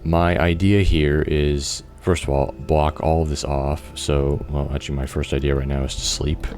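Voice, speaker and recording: A gameplay video creator talks casually through his play in an extremely low, level, slightly mellow voice at a moderate pace. He thinks aloud with many restarts, fillers and the occasional swear word, and faint music plays behind him.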